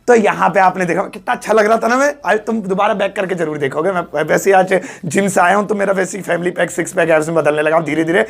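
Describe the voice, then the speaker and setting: A young man teaches a casual English lesson, chatty and full of playful jokes. His voice sits high and has a gravelly edge. He keeps it loose and friendly. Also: fast talker, few pauses. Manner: chatty, joking, playful asides. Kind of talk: casual Hindi video lesson.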